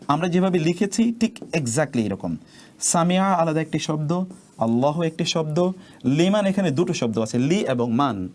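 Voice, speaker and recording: A man's voice: on the high side, darkish tone. A man teaching pronunciation and grammar, breaking words apart and asking and answering his own questions. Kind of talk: grammar lesson.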